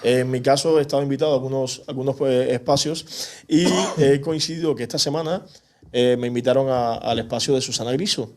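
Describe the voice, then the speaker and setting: A mid-range male voice, steady in tone and a little mellow, belongs to a Cuban activist giving an animated TV interview. He talks passionately and indignantly, in rapid bursts.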